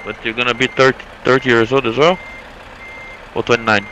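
A non-native English-speaking man in his late twenties talks in a halting, repetitive way over game voice chat. His voice is bright and edgy, with light noise under it. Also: mid-range voice, little pitch movement, muffled recording. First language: not English. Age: late 20s. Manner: halting, repeats yes often. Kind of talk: casual voice chat while gaming.

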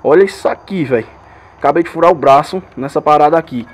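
A young man, out of breath, excitedly narrating a night exploration of a ruined house to his viewers, swearing and calling out as he goes. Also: a little high, fast. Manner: excited, tense, swears a lot, calls out to viewers. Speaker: paranormal vlogger. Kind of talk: handheld night exploration vlog. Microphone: handheld camera mic.

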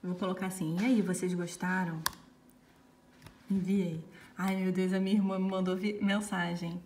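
A woman's voice: lowish voice, normal speed, noisy background. A young woman, a bride chatting casually for her vlog and laughing often. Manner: giggly, laughs often, animated. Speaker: bride and vlogger.

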